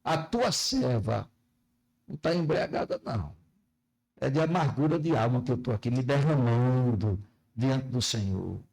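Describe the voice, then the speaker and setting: A man voicing a humble pious woman who softly pleads that she is not drunk, in a sermon retelling. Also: mid-range voice, lively intonation, a little slow, gravelly, pitched below the performer's own voice. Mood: earnest.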